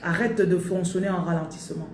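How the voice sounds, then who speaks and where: Her voice lowish, brisk and darkish, a woman leads a live spiritual coaching session, pronouncing affirmations over listeners with emphasis, repeating herself and switching into English at times. It sounds roomy and echoey from a distant mic, with slight background noise.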